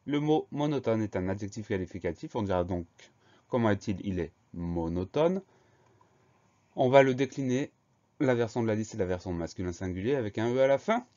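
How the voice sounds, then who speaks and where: Low-voiced patient French spelling teacher. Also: male voice, animated, dark tone, lo-fi sound. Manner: slow, patient, spells words letter by letter. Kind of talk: spelling lesson.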